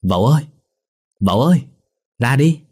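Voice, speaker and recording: A man's voice: medium pitch, lively intonation, darkish tone, slightly rough, pitched above the performer's own voice. Man doing a cheeky young peasant joker. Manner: mocking, teasing, quick-witted.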